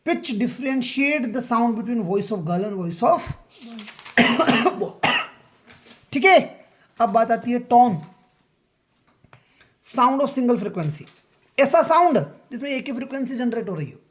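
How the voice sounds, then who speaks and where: A man's voice: extremely high pitch, animated, very slow, long pauses, a bit bright. A man teaching a school science lesson in a classroom. He counts aloud, quizzes his students and keeps checking that they understand. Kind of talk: classroom lecture.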